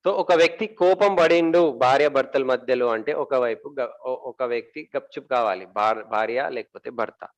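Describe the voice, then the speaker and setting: A man giving a talk about marriage to an audience. He asks questions and answers them himself, pausing often with fillers and repeating words. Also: medium pitch, dull audio.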